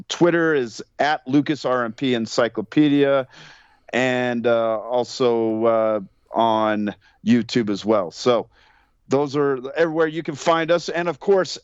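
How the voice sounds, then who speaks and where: A man's voice: medium pitch, smooth, dry recording, highs cut off. A man talking casually as a guest on a podcast. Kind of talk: casual chat.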